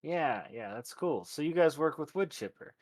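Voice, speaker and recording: A man voicing a hesitant, nosy nomad journalist in halting, probing small talk for a tabletop role-play. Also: on the high side, lively intonation, darkish tone, voice pushed up. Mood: casual probing.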